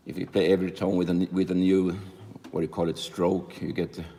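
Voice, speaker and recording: A man teaching organ playing, speaking in a halting, hesitant way with frequent fillers. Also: deep voice, flat delivery. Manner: halting, hesitant, self-deprecating. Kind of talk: live music lesson. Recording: long reverb, organ music behind.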